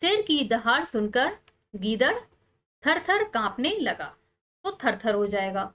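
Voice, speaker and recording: A woman teacher, calmly explaining textbook answers step by step and pausing on key words. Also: on the high side.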